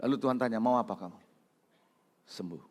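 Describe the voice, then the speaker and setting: A man preaching a sermon as pastor, calling out to the congregation and swinging from loud calls to hushed lines. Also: high voice, big pitch swings, normal speed. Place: church hall. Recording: long reverb of a large hall.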